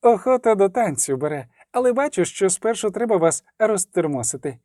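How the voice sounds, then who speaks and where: A man voicing a bold young female elf dancer who shouts to rouse the crowd, in an audiobook. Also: high voice, sing-song, fairly quick, dry recording, clean studio sound, pitched above the performer's own voice. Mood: rousing, brash. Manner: loud, commanding, rousing the crowd. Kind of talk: audiobook character voice.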